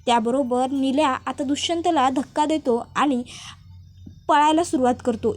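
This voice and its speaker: A woman narrating a recap of a TV serial episode as a brisk storyteller who acts out all the characters. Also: high voice, a little mellow.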